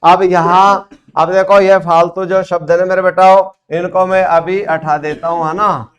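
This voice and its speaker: A man's voice: high voice, little pitch movement, measured pace. A man teaching a class, prompting students with questions in a classroom. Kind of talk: classroom grammar lesson.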